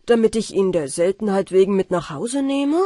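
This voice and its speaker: A woman voicing a cheeky, bold young fisherman in a storybook reading, louder and eager. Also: mid-range voice, expressive, normal speed, no echo, clean studio sound, close to an everyday voice.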